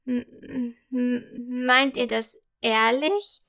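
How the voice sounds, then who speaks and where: A woman's voice: fairly high pitch, steady tone, very slow, vocal fry, a bit bright, heavily acted. A woman voicing a shy, sad female lily flower in a children's audio story, timid and stammering. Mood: unsure.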